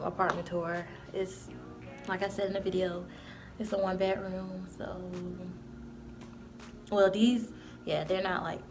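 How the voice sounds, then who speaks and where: A woman of twenty giving a casual, rambling vlog tour, full of "like" and "you know". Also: mid-range voice. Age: 20s. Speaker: vlogger. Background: background music.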